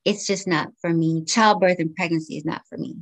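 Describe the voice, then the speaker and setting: Vocal fry marks this fairly low, fairly quick voice, which keeps a fairly even intonation. It belongs to a woman in her forties from Guyana, brought up in the United States, who is a podcast guest giving thoughtful, candid interview answers.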